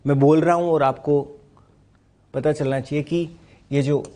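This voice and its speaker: A man's voice: a little high, fairly even intonation, unhurried, dark tone. A man teaching a physics lecture, mixing Hindi and English, explaining step by step and asking and answering his own questions.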